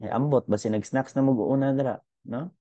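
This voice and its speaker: A man's voice: medium pitch, brisk, warm tone, no echo, lo-fi sound. A young man teaching a casual physics lesson, chatty and thinking aloud with fillers as he goes through units.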